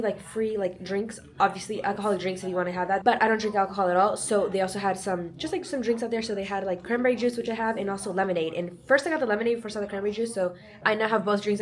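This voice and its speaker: A woman vlogging a trip in a chatty, upbeat way, full of "like" and "honestly.". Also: mid-range voice. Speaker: travel vlogger. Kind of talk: casual travel vlog narration.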